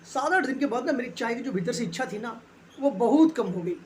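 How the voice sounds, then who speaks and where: A man's voice: extremely high pitch, animated, a little fast, slight background noise. Chatty man telling a personal story. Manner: chatty, mixes English phrases into Hindi; addresses viewers as friends. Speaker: personal finance video host. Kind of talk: casual motivational storytelling.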